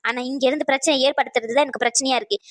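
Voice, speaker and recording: Woman doing a bossy old mother-in-law, lectures everyone, dry close sound, quick talker. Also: sits high, fairly even intonation, no room sound, lightly acted. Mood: cold. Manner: scolding, lecturing. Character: stern older mother-in-law, sharp-tongued and domineering. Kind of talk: cartoon voice acting.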